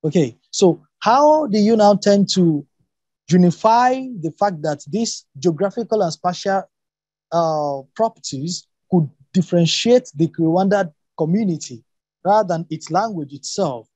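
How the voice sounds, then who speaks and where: With lively intonation and an unhurried pace, a man raised speaking Yoruba talks through academic ideas, emphatic and prone to restating points and asking rhetorical questions. His mellow voice is high for a man with a breathy edge, recorded dry, close, and echo-free.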